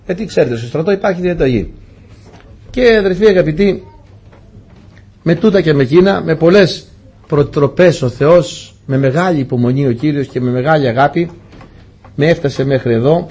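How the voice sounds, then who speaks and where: A man's voice: fairly high pitch, long pauses, a little mellow, breathy edge. A man preaching a testimony sermon, telling his story earnestly and often turning to address the congregation as dear brothers.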